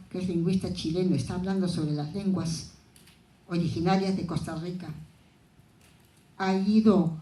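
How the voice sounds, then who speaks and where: A woman from southern Ayacucho whose first language is Quechua speaks at a panel in a reflective, anecdotal way, often restarting her sentences. Her voice is mellow and warm. The sound carries an echoey hall reverb. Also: medium pitch. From southern Ayacucho, Peru. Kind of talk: conference talk.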